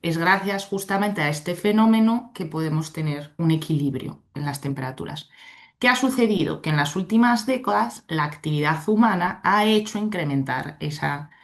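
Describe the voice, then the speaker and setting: A legal expert from Spain, invited to speak at an online conference, presents over a video call through a computer mic. She has a Spanish accent and a low, grounded voice, and explains in a friendly, chatty, animated way at normal speed, checking in with listeners throughout.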